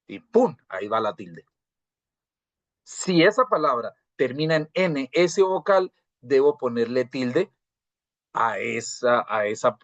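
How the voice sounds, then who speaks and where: A man's voice: mid-range voice, dry recording. Man teaching over a video call. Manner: asks rhetorical questions and checks in with "¿cierto?"; repeats and restarts words while explaining. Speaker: university teacher. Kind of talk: live online grammar lecture. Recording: dry, slightly dull video call audio.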